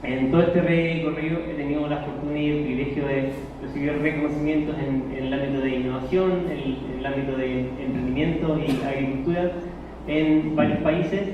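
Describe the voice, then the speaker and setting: A man's voice: a little high, a little hiss or hum. A man from Chile giving a live talk to an audience, often repeating and restarting words. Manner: many self-repetitions and restarts. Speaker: conference speaker on water efficiency. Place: event hall. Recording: echoey hall from a distance, dull sound.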